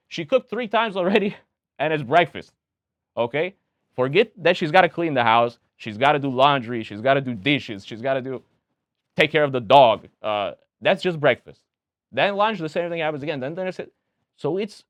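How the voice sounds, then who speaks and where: A young man with a Romanian accent, appearing as a guest candidate, gives strong opinions in a casual interview and keeps restarting his sentences. His voice is medium in pitch, and the dry recording sounds dull and lo-fi.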